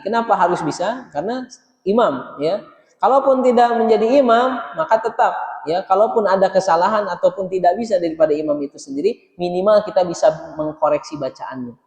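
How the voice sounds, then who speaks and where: A man teaching Quran recitation in a mosque, chanting verses slowly and explaining pronunciation. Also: high-pitched, darkish tone, echoey room, long reverb tail.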